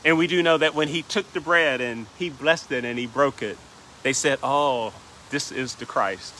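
Pastor guy preaching, bright voice a bit high, keeps saying right? to the church, faint hiss behind. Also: steady tone, normal speed. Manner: rhythmic preaching, frequent "right?" asides; reads scripture aloud in King James wording. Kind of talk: sermon.

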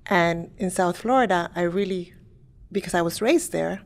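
A woman from Colombia answers questions as a podcast panel guest. Her replies are brief and matter-of-fact. Her voice sits slightly low for a woman. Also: moderate pace, gravelly. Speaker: panel guest, realty broker. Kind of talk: casual interview talk.

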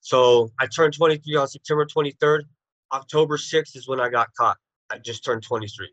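A thirtysomething interview guest on a video call recounts his past frankly, using everyday street slang. He talks briskly in a medium-pitched, fairly bright voice, and the lo-fi audio has no echo.

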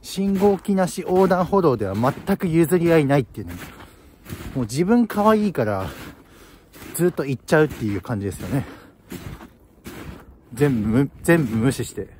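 A man's voice: on the high side, very animated, normal speed, pauses often, darkish tone. A man in his twenties from northern Japan, musing casually and in slangy speech to the camera outdoors. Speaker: vlogger. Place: outdoors by a building in winter. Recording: outdoor ambient noise, phone microphone.

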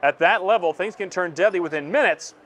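A man's voice: sits high, a little fast, fairly bright tone, a little hiss or hum. A young American man reading scripted news narration as a television reporter.

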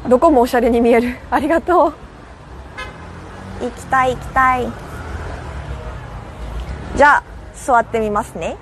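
A young South Korean woman hosts a livestream from a city rooftop, chatting casually in Japanese and answering viewers' comments. Her Korean accent has a Kansai lilt, and her fairly high voice moves at normal speed with frequent pauses over a faint hiss or hum.

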